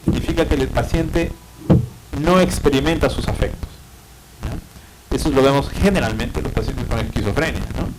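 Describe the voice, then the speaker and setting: A man with a Peruvian Spanish accent delivers a university lecture at a middle pitch. He explains patiently, padding his points with fillers and tag questions. Clear background noise runs under the recording. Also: normal speed. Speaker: psychiatry lecturer.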